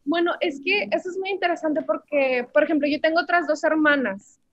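As an interview guest, a language teacher in her twenties with a Mexican Spanish accent chats casually about her story, using plenty of fillers. She has a high, a bit bright voice and talks briskly. The sound is lo-fi, with no echo.

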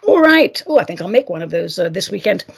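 A woman's voice: fairly low pitch, big pitch swings, fast, creaky, slightly rough. A middle-aged woman hosting a solo podcast, reading listener mail with playful, theatrical asides. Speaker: podcast host.

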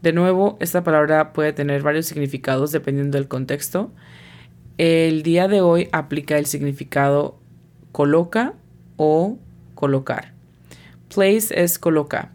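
Speaking at normal speed in a low, darkish voice, a woman teaches a scripted English lesson. She patiently goes through each word's pronunciation one letter at a time.

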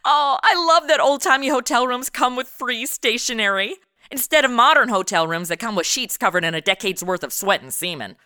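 A woman's voice: on the high side, lively intonation, brisk, sharp tone, smooth, no room sound. An actress playing a flippant, sassy young modern woman who fancies herself a sleuth, chatting in slang in a comedic radio drama. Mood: flippant, amused.

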